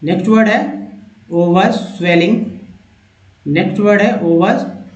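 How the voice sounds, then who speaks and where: A man with a high voice teaches English pronunciation, sounding out each word piece by piece and repeating it. He calls his viewers friends. The sound is roomy and a little dull. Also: a little mellow. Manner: drills words slowly, repeating each part. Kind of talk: spelling and pronunciation lesson.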